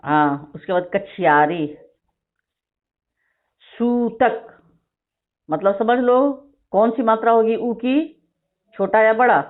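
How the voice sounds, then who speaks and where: A woman teacher dictating a vocabulary list to her class, repeating each word slowly and explaining spelling. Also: on the high side. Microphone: phone recording of an online class. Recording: tinny phone-like screen recording.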